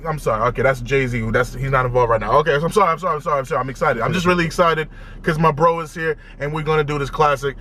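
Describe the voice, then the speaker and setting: Excitable young man hosting a reaction. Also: on the high side, rapid-fire, slight background noise. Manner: excitable, loud, slangy, repeats himself. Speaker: music reaction host. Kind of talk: casual reaction commentary.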